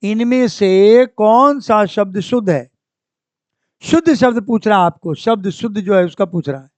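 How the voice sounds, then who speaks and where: Slow, repetitive male Hindi teacher. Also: high voice, expressive, darkish tone, dry recording. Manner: slow and repetitive, saying each word several times and correcting it; clears his throat often. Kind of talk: exam-prep lesson, working through spelling questions.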